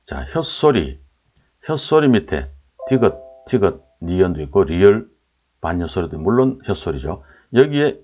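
A man's voice: low-pitched, a little mellow, lo-fi sound. A man giving a lecture, explaining old pronunciations, repeating sample syllables aloud and asking his listeners rhetorical questions.

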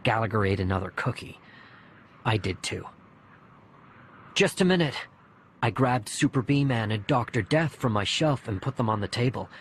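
With a fairly low pitch and normal speed, a male audiobook narrator performs a first-person story, voicing the dialogue expressively. There's music behind him and slight background noise.

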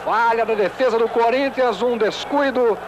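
A Brazilian man giving explosive live football goal commentary, shouting his calls with drawn-out words. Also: very high voice. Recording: noisy old TV broadcast, loud crowd. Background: roaring stadium crowd.

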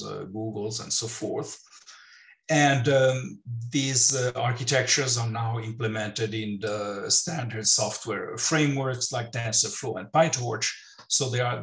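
Halting older man lecturing, roomy distant sound. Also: mid-range voice, a bit bright. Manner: halting, many restarts and fillers. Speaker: keynote speaker. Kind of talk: academic lecture over slides.

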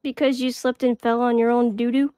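A woman's voice: on the high side, flat delivery, a little fast, mellow, clear, resonant tone, no echo, studio quality, close to an everyday voice. A woman playing an exasperated, incredulous young donut shop worker in an improvised game role-play.

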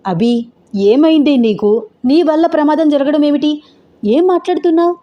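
A woman voices a scared teenage girl in an audio story, her voice shaky and trembling. It rides higher than the narration. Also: moderate pace, highs cut off, natural voice. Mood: confused. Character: frightened teenage elder sister.

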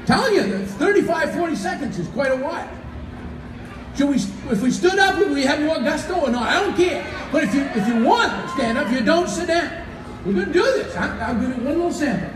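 A man's voice: very high voice, very animated, brisk, echoey room. A middle-aged man from Maine with a folksy, joking, rambling manner, rallying a festival crowd with jokes and countdowns over an outdoor PA. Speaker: moose-call leader at a festival. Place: open-air fairground by a packed grandstand. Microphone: stand mic over PA, picked up by distant camera. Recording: outdoor crowd noise, PA heard from far off.

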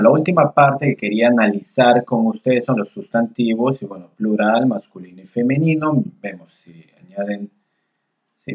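A man teaching a Spanish grammar lesson to learners in a friendly way. He repeats words slowly and mutters asides to himself while fixing his screen. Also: lowish voice. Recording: echoey room, dull lo-fi sound.

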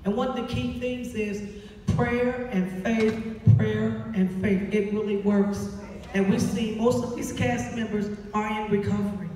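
A middle-aged woman, the director of a stage play, hosts on a theater stage, giving a live speech to introduce and thank the cast. Her warm, medium-pitched voice is measured and fairly even, carried by a handheld microphone through the PA. A distant camera in the audience picks it up in an echoey hall with crowd noise, music and a little hiss or hum.

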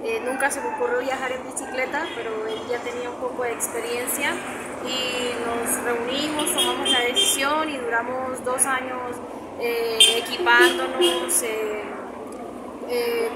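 A woman's voice: on the high side, level tone, unhurried. An eighteen-year-old woman, a touring cyclist speaking earnestly with fillers in a street interview. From Colombia. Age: teens. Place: outdoors in a town square. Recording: distant voice, loud street noise.

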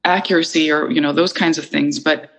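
A woman's voice: deep voice, fairly even intonation, brisk, a bit bright, husky, rough recording. A middle-aged woman from Iceland, an interview guest talking thoughtfully and searching for her words. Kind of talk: reflective conversational interview.

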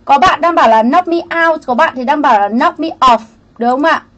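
Chatty high-voiced woman teaching English. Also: a little fast, fairly bright tone. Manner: chatty, greets viewers by name, explains each answer option. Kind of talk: livestreamed English grammar lesson.

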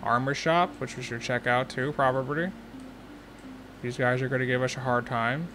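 A man's voice: mid-range voice, moderate pace, fairly bright tone, faint music behind. A young man hosting a let's play, thinking aloud in casual, chatty commentary.

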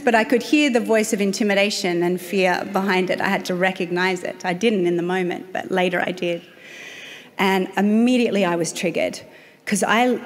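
An Australian woman pastor preaching a sermon, telling stories with self-deprecating humor. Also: mid-range voice. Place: church auditorium. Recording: long reverb of a large hall.

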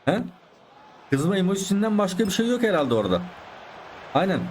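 A man's voice: high voice, very animated, a little fast, slight background noise. Chatty man commenting on his game. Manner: chatty, addresses viewers as friends, exclaims at plays. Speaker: gaming YouTuber. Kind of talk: live gameplay commentary.

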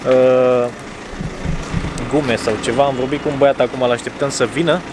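Rambling man vlogging over loud street noise. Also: medium pitch, steady tone. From Romania. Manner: chatty, rambling with restarts, addresses viewers as "băieți". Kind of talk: casual car vlog to camera. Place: outdoors by garages, car and restaurant. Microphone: phone or camera held at arm's length.

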